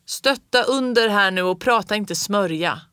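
Reader as a stern farm dad, sour, gruff, calling loud over the wind, bright dry tone. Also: medium pitch, no echo, natural voice.

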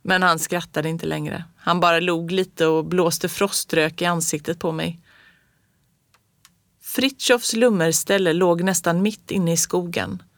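A woman reading a children's storybook aloud in a calm, even storytelling voice. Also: on the low side, no room sound, studio quality.

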